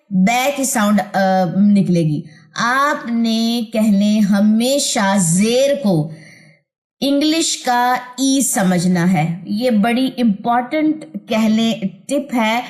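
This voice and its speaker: Woman, fairly high voice, patient teacher, online lesson with slides. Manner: patient, repeats drills slowly and checks understanding. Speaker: Quran tajweed teacher.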